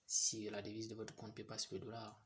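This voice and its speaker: A man's voice: on the low side, monotone, fairly quick, noisy background. A young man from Cameroon, walking viewers step by step through an app tutorial, often hesitating and repeating himself. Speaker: tutorial host. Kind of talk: screen-recorded phone app tutorial.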